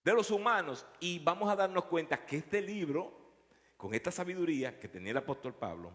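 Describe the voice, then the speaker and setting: Pastor, storytelling sermon, lively pitch, reverberant church hall. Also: male voice, a little fast. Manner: storytelling, animated, repeats words.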